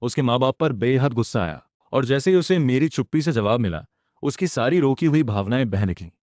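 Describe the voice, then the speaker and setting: A man's voice: mid-range voice, expressive, a little fast, a little mellow, dry recording, studio quality. A man narrating a comic story in the first person, retelling it with emotion.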